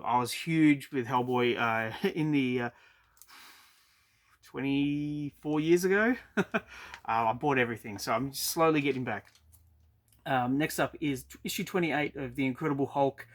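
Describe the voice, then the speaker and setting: A man's voice: medium pitch, fairly bright tone. An Australian man chatting casually about his weekly comic purchases, with frequent ums and uhs. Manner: hesitant, many ums and uhs. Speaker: comic book collector vlogger. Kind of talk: casual review chat. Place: storage unit.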